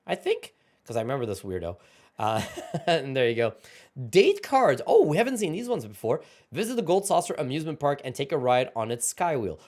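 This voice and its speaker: Scrolling through an article, the host of a card game channel reads out card text and offers excited, casual reactions. He has a mid-range voice that turns hoarse, with frequent throat clearing.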